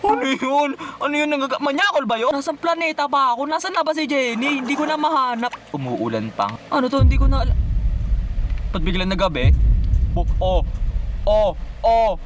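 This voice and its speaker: A young man doing game commentary, yelling and swearing excitedly at whatever he runs into. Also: very high-pitched, a little fast, noisy background. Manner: excitable, yells and swears at mobs. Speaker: gamer.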